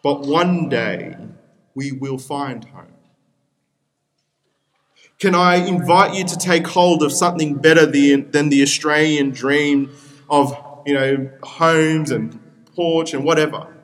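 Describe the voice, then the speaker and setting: Slow and on the high side, a young man's voice carries an earnest sermon. He is a pastor from Peru whose native language is Spanish, and he keeps returning to his appeals.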